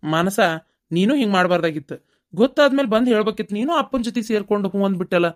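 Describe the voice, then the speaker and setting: A voice actor doing a calm reproachful son. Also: mid-range voice, very fast, lightly acted. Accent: North Karnataka Kannada. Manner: calm, reasoning.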